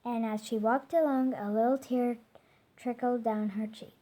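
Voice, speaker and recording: A woman reads a children's picture book aloud in a gentle way, now and then tripping over a hard word. Her voice is fairly high, mellow and slightly breathy. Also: fairly even intonation, normal speed. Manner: gentle reading, stumbles on hard words. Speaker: storyteller.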